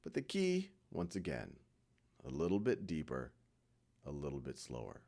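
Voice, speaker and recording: A man with a creaky bass voice and huge pitch swings leads a guided meditation, gently and reassuringly giving short instructions separated by frequent pauses.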